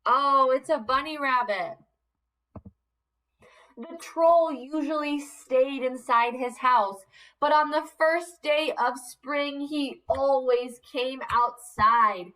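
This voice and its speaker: Slow, high-voiced teacher reading to kids. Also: female voice, poor audio. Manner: warm, questioning, coaxing. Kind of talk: read-aloud lesson for young children.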